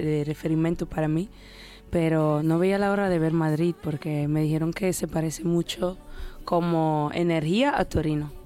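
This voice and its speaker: A woman's voice: low-pitched, a little mellow. A woman in her twenties from the Dominican Republic, raised in Italy, chatting casually as a singer in an interview, laughing often and sometimes searching for words. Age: 20s.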